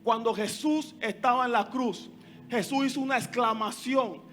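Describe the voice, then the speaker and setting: Impassioned high-voiced male pastor preaching. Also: moderate pace, slight background noise. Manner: impassioned preaching, often shouting. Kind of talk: sermon.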